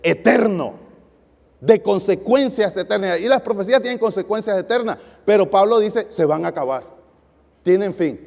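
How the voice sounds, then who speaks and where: A male guest pastor preaching a sermon, lively and asking the audience questions. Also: high-pitched, normal speed, creaky. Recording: long hall reverb.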